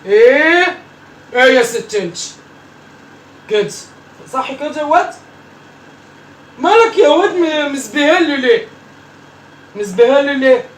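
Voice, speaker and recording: This take of the bossy, teasing Egyptian grandmother uses a high, animated voice that is a little slow and pauses often. She scolds her grandchildren and repeats herself in an Egyptian Arabic family comedy sketch, recorded from far off with a roomy echo and faint noise.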